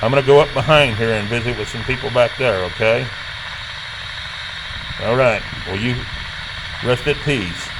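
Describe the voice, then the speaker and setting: A man's voice: medium pitch, normal speed, long pauses. A man speaking as a paranormal investigator, addressing spirits and viewers with simple, repeated questions and commands. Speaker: paranormal investigator hosting a spirit box session. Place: outdoors in a cemetery. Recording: very noisy outdoor field recording.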